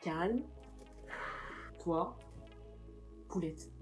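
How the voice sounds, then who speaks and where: A woman's voice: lowish voice, extremely slow, faint music behind, voice pushed down. A woman voicing a sly schoolkid who evasively mumbles excuses to a parent.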